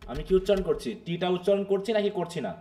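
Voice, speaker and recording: A man's voice: sits high, racing, mellow. Bangladeshi man teaching a live class. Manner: explanatory, asks students questions, mixes English phrases. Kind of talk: live online literature lecture.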